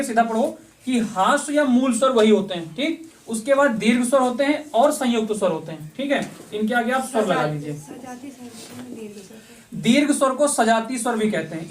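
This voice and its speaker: A man's voice: very high-pitched, a little hiss or hum. A man teaching an online exam-prep class. He asks questions and answers them himself, repeating the key points. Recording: voice somewhat distant from the mic.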